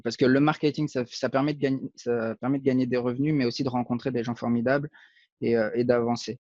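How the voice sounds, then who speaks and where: A man's voice: medium pitch, fairly even intonation, fast talker, a little mellow, no echo, muffled recording. A man from Portugal, a guest in a casual interview, speaking hesitantly with many fillers. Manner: hesitant, fillers, short laughs. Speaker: guest, affiliate marketer.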